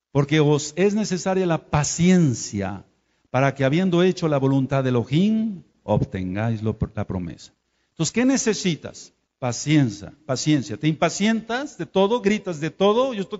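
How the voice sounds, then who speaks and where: A man with a Mexican Spanish accent preaching a sermon, firing rhetorical questions and swinging between quiet and loud. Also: mid-range voice. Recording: dull lo-fi sound with long hall reverb.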